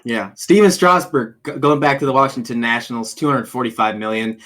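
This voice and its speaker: An excitable man co-hosts a casual sports podcast and keeps firing quick questions at his partner. His voice sits at an ordinary middle pitch.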